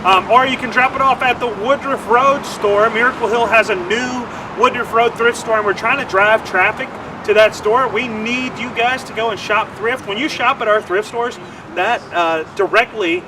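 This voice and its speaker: A man's voice: high voice, moderate pace. A man chats loosely on a charity livestream, tripping over his words as he goes. He sits a little back from the microphone outdoors. Cars pass steadily on the street behind him. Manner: rambling, stumbles over words. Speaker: charity development officer. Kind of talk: livestream fundraising chat. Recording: distant mic with traffic noise.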